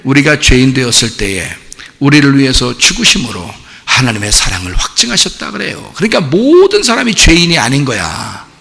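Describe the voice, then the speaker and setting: A man's voice: a little high, vocal fry, pushed and bright. A middle-aged man preaching a sermon as pastor, telling stories animatedly with mimicry and laughter. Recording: long hall reverb.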